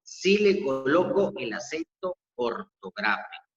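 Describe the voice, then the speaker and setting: Slow, methodical male teacher, echoey room. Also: medium pitch, sing-song. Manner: slow, methodical step-by-step explaining. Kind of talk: online class lesson. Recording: echoey dull lo-fi room audio.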